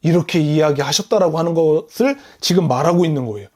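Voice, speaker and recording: High-voiced male pastor preaching. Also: quick pace, a little mellow. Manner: explains verse by verse, posing rhetorical questions to the congregation; leads the congregation in reading scripture aloud. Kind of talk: sermon.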